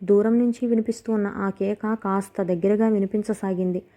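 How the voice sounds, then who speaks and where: A woman's voice: mid-range voice, steady tone, brisk, mellow. A woman narrating a novel aloud, reading steadily and expressively. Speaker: audiobook narrator. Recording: dull lo-fi recording.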